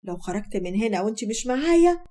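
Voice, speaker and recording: A woman voicing an overbearing older Egyptian mother who scolds loudly and indignantly. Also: on the high side, very animated, fast talker.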